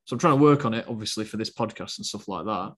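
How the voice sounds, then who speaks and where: A man co-hosting a podcast, talking in a steady, not very animated way and hesitating with fillers. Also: lowish voice, fast talker. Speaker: podcast co-host. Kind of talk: casual podcast chat.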